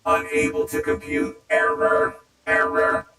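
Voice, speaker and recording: A man voicing a broken old male war robot through a glitching robot voice filter, giving clipped reports and repeating errors. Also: a little slow. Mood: mechanical. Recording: echoey, distant, with music behind.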